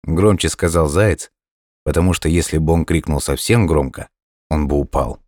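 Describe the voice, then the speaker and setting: A man with a very low voice narrates a children's storybook at a calm, unhurried pace. The recording is dry and intimate. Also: no echo.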